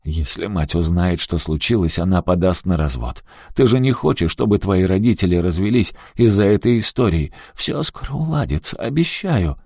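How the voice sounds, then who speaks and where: A man's voice: deep voice, animated, moderate pace, vocal fry, hardly any pauses, darkish tone, husky, dry recording, clean studio sound, heavily acted. A man voicing a weak-willed middle-aged father who pleads and makes excuses. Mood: urgent. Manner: pleading, placating.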